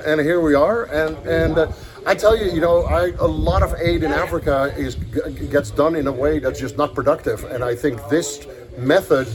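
A man who grew up in Ethiopia, a podcast guest in casual conversation, telling stories in an animated, earnest way, recorded outdoors on a farm. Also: a little high.

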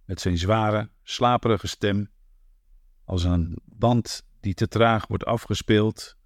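A man narrating a literary short story as an audiobook reader, in a measured, even way. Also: on the low side, no room sound, clean studio sound.

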